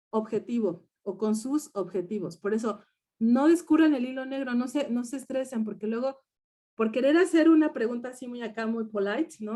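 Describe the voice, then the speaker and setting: A woman's voice: a little high, a little mellow. A woman with a Mexican Spanish accent teaching a research seminar, explaining step by step and checking in often with her students. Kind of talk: lecture to students.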